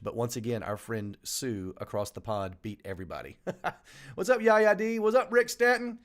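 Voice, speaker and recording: A man hosting a casual live morning stream from a small home studio, jokey and animated as he greets viewers by name. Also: high voice. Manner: animated, jokey, shouting out names.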